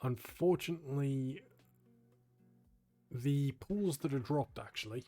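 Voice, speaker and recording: A young man, a gaming channel host, casually talking through a gameplay guide in a relaxed, explanatory way, sounding tired and yawning. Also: medium pitch, slow pace, faint music behind. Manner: relaxed, explanatory, frequent ums.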